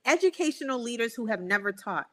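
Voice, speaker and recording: A woman's voice: on the high side, sing-song, quick pace, fairly bright tone. A woman hosting a podcast, talking in an emphatic, playful and slangy way. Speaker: podcast host. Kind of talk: casual podcast chat.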